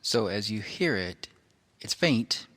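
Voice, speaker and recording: A man with a low but bright, forceful voice presents a recording. He speaks very slowly and carefully, breaking his explanation into short, halting phrases. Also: sing-song. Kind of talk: informal explanatory monologue.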